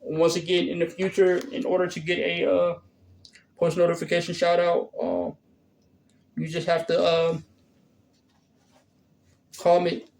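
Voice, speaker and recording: Vlogger, man, 30s, high-pitched, creaky, halting delivery with lots of ums. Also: monotone, a little mellow. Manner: hesitant, many fillers and restarts. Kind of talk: casual Q&A vlog.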